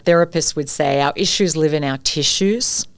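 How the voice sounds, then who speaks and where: Speaking in a deep voice at a moderate pace on a dry recording, a middle-aged Australian guest expert spins animated stories and asks rhetorical questions during a conversational interview.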